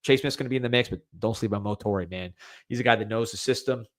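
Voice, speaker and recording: A young adult man from the United States with a light Cuban-American accent hosts a casual livestreamed sports podcast. His lowish voice moves fast, rambling with restarts and plenty of "man." The studio-quality recording has no room sound.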